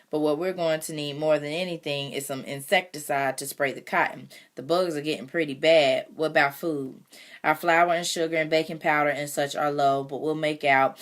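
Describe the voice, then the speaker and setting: A woman reading aloud voices a calm, careful farm mother who speaks softly and reasons things through. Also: deep voice, close to an everyday voice. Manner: soft-spoken, reasoning.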